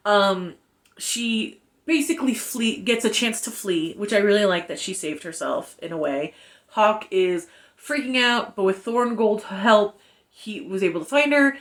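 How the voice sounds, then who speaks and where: Young woman book reviewer, mid-pitched, animated, rambling retelling. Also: measured pace. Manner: chatty, animated retelling with many fillers. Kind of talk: casual book review chat.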